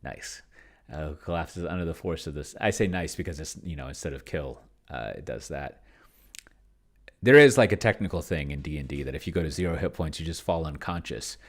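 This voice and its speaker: Talking a little fast in a bass voice with lively intonation, a man plays a roleplaying game solo as a video host and muses aloud in casual commentary. He types as he goes, audible as computer keyboard clicks in the background, and often mutters, trails off, and stretches out his words.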